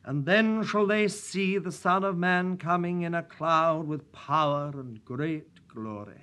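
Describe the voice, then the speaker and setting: A man preaching in a church, praying and reading scripture in a solemn, measured way at a pulpit microphone. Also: a little high, pushed and bright. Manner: solemn and measured, old-fashioned prayer wording. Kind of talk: sermon with prayer and scripture reading.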